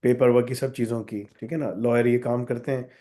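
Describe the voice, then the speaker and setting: A man's voice: mid-range voice, fairly even intonation, a little fast, dark tone. A man with a sore throat, answering student questions in a live session in a direct, instructive way. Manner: direct, switches to English for emphasis. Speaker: college founder answering questions.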